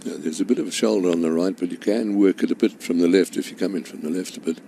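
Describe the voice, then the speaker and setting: A man's voice: low-pitched, fast, creaky, mellow, slight background noise. A man commentating on live golf in an understated, conversational way.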